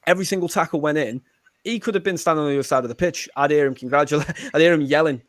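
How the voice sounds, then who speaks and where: Fast-talking man arguing football opinions. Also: a little high, a bit bright, no echo, clean studio sound. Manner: fast, earnest, stumbles on restarts. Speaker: podcast panelist. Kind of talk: casual football chat.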